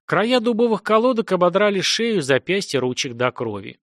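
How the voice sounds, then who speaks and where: Male narrator with a lively, dramatic voice. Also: high voice, moderate pace, no echo, clean studio sound. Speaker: audiobook narrator.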